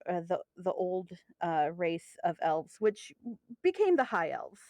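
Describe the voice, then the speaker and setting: A woman's voice: fairly low pitch, sing-song, unhurried, darkish tone, no room sound. A woman with a Midwestern accent chatting casually on a podcast, rambling and self-deprecating with frequent laughs. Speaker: co-host guest.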